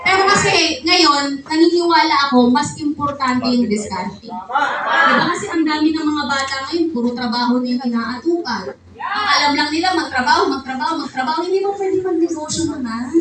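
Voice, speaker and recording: High-voiced woman rallying a crowd. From Philippines. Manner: animated, call-and-response questions to the crowd. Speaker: business seminar speaker. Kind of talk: motivational seminar talk. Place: event hall before an audience. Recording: echoey hall, distant mic, loud noise.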